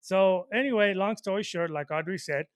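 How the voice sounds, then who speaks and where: A man's voice: sits high, moderate pace, dry recording. A man co-hosting a podcast, telling a funny story in a rambling way, chuckling and saying "you know what I mean" again and again. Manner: chuckles through his lines. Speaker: podcast co-host. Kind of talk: casual comedic storytelling.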